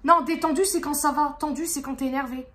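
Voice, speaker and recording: A woman's voice: high-pitched, fairly even intonation, fast. A woman vlogging to her viewers in a casual, exasperated way, rambling with frequent restarts. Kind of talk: casual venting vlog.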